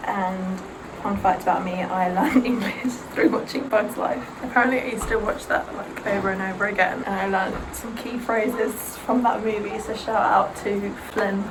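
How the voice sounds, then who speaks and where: At a normal speed and over some background noise, a young vlogger whose native language is Serbian talks casually in a mid-range voice while she gets ready. Her tone is sarcastic and lively, and she likes to imitate aunties and other people.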